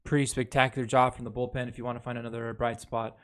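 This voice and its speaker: Talking fast in a flat, medium-pitched voice, a man casually recaps a baseball series with plenty of profanity. As a fan commentator, he speaks over the game footage and goes through the plays.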